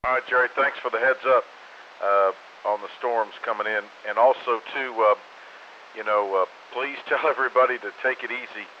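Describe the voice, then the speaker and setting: A man's voice: mid-range voice, fairly even intonation, normal speed. Folksy man running a crackly radio net. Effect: crackly walkie-talkie style radio transmission. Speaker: amateur radio net controller. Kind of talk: casual radio net announcements. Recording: dull two-way radio with faint hiss.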